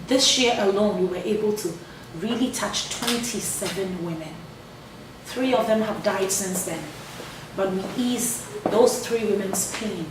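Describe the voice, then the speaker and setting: A woman speaking earnestly and emphatically, with touches of humor, as a guest in a live radio interview. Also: medium pitch. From Ghana. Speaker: charity founder and cancer survivor. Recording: echoey room, distant mic, background noise.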